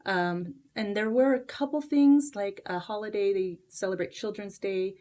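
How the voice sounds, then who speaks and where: A woman's voice: medium pitch, normal speed, warm tone. A woman from Costa Rica who grew up in Utah, a book author talking as a guest in a casual interview, with many fillers and restarts. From Costa Rica, raised in Utah.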